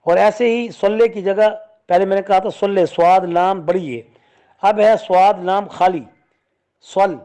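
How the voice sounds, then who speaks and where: Dark-toned man explaining a religious lesson. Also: high-pitched. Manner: patient step-by-step explaining with spoken examples. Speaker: religious scholar.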